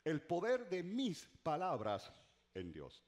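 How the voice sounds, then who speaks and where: Animated middle-aged pastor preaching. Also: male voice, a little high, takes it slowly. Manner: preaching with dramatic repetition and swings from loud to hushed; humorous asides to the congregation. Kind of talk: sermon.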